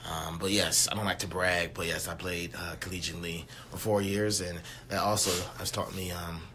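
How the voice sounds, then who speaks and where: A man's voice: sits low, little pitch movement, moderate pace, background noise. A young man from Richmond, guest on a podcast, speaking earnestly with many fillers and repeated phrases. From Richmond, Virginia. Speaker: YMCA sports director, guest. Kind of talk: casual interview.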